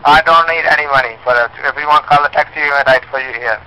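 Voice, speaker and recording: A pizza delivery driver taking calls speaks with a non-native English accent in a fairly high, bright, pushed voice, talking fast. On the phone with a customer, he stays polite and keeps repeating himself.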